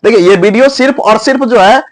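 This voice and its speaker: Man, high-pitched voice, phonics teacher, repeats questions and answers them himself, filler-heavy explaining. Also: fast. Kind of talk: spoken lesson on English phonics.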